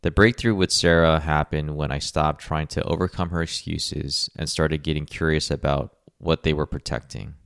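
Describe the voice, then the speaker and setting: Male podcast host, very low and smooth voice, dry close mic, measured coaching delivery. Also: fairly even intonation, a bit bright, no room sound. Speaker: podcast host, rehab clinician. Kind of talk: scripted podcast monologue.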